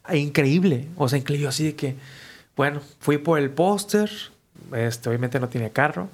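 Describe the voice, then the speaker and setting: A man, speaking a touch higher than most men. He tells his stories loosely and with energy, drops slang, and slips into the voices of the people he quotes. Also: normal speed. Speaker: guest musician. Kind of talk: casual storytelling.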